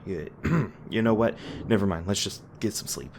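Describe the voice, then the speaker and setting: A roleplay voice actor plays an awkward young monster hunter, speaking low and hesitantly and tripping over his words while watching out for the listener. His voice is gravelly at a normal speed, with a faint hiss in the background.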